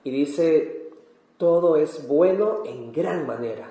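A man from Peru, a missionary, preaching calmly in short phrases and pausing for his interpreter in a church. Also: fairly high pitch. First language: Spanish. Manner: calm, measured, pausing for translation. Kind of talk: sermon with interpreter. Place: church hall. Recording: echoey church hall.

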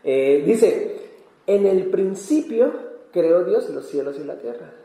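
Peruvian man preaching in an echoey hall. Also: high voice. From Peru. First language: Spanish. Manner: calm, measured, pausing for translation. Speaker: missionary preacher. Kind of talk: sermon with interpreter. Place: church hall.

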